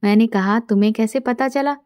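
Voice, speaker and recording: A middle-aged woman narrating a first-person story in a soft, intimate way, quoting dialogue plainly. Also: on the high side, brisk, dry recording.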